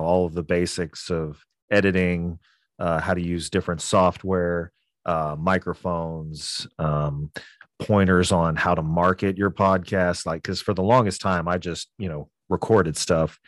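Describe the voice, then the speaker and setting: A man speaking as a podcast guest in a casual interview, relaxed and rambling with many fillers. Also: deep voice, a little slow, dry recording, studio quality.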